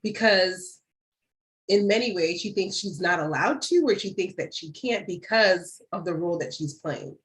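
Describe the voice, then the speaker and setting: A woman's voice: on the low side, normal speed, poor audio. A woman co-hosting a casual podcast, talking things through and putting questions to her co-host. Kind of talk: casual chat.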